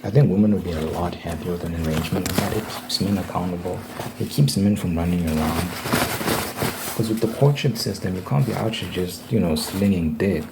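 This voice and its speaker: A man with a low voice speaks a little quickly, handing out casual, opinionated relationship advice in a rambling monologue and repeating phrases for emphasis. The recording is clear of background noise.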